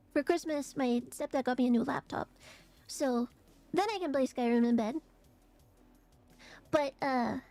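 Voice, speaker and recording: A woman streamer chatting casually and haltingly, her voice phlegmy and rattly in the chest, congested from allergies. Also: high voice, dark tone. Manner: halting, hesitant, trailing phrases. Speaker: vtuber streamer. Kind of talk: casual livestream chat.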